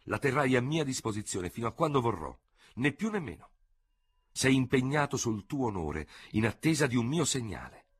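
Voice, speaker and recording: A man's voice: mid-range voice, very animated, voice pushed up. A man doing a cool, ironic general. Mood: stern. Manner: cold, measured, gravely mocking. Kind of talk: radio audiobook reading.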